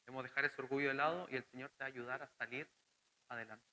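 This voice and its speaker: A young Chilean man preaches a sermon with a very bright, forward voice. He talks earnestly and plainly, often asking the congregation questions. His pitch sits in a middle range for a man. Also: fairly even intonation, fast, poor audio. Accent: Chilean Spanish.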